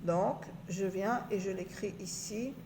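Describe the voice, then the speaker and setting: A woman teaching beginners to read, sounding out syllables slowly and drawing out each sound. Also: mid-range voice, background noise. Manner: slow, drawn-out syllable sounding. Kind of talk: reading lesson for beginners. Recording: echoey room.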